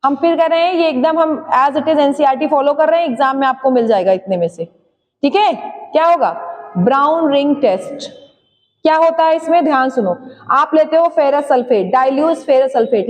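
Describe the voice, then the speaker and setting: Dictating notes in a chemistry class, a woman speaks with a high voice that has a slightly mellow quality. She quizzes the room, answers for herself, tells students to write fast and slowly spells out the key terms. A long hall reverb trails her words.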